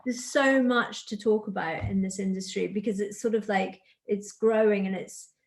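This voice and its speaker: A woman's voice: mid-range voice, fairly even intonation, normal speed, gravelly. Woman guest, business founder, chatty and enthusiastic, mid-range voice. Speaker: guest, kombucha brand founder. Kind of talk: casual podcast chat.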